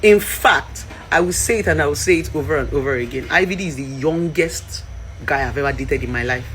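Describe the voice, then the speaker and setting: A woman's voice: sits low, brisk, a bit bright, slight background noise. Nigerian woman, 30s, vlogger; fiery, preachy opinion rant. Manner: impassioned, preachy, mixes in Pidgin.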